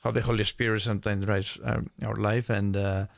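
A man in his sixties from Spain with a Spanish accent, a radio guest talking in a halting way, searching for words and restarting. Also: fairly low pitch, little pitch movement, creaky, no room sound, clean studio sound. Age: 60s. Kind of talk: casual radio conversation.

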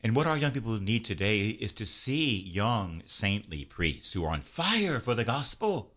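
Fervent low-voiced priest host. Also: male voice, very animated, measured pace, fairly bright tone. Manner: fervent, preaching. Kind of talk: leading prayer and interviewing.

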